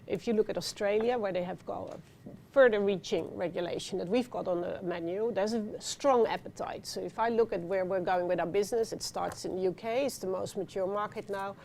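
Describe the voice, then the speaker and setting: A middle-aged Dutch woman with a Dutch accent speaking on a conference panel, animated, with many fillers and restarts. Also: mid-range voice, a little fast, creaky, slight background noise. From Netherlands. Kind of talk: panel discussion talk. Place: conference venue.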